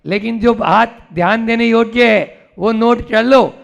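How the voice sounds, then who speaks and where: A man's voice: very high voice, unhurried, gravelly, dull audio. A man, a Jain monk, preaching a sermon with parables and wordplay, prompting listeners to answer him. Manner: plays with words and parables.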